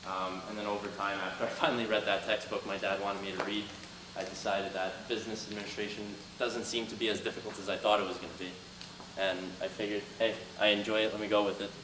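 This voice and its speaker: Fast and level, with a lowish voice, a young man who grew up speaking Albanian motivates students in a classroom talk, answering their questions earnestly. He starts out loud. The audio is distant and roomy, with a faint hiss.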